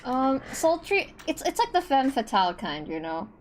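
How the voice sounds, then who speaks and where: A woman's voice: high voice, sing-song, normal speed, over a noisy crowd. A young woman casually hosting and directing a group voice reading, chatty and laughing. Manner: chatty, laughing, says bro. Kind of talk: casual chat.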